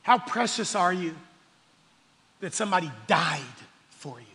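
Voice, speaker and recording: A man preaching a sermon as pastor, expressive, swinging between shouting and hushed asides. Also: sits high, a little slow, vocal fry, big-room sound. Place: church sanctuary.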